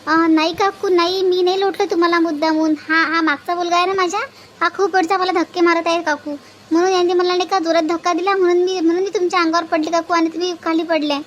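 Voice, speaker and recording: A woman's voice: very high voice, little pitch movement, fast, fairly bright tone, a little hiss or hum. A woman voicing a timid young village girl who pleads her innocence, speaking with a Varhadi Marathi accent. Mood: pleading. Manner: pleading, defensive.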